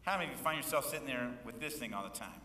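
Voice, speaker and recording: Preaching as pastor in a church sanctuary, this fifties-aged man jokes in a folksy way and prompts the congregation to answer back. He talks very fast, with a medium-pitched, bright, forceful and expressive voice. It's picked up from a distance in an echoey hall.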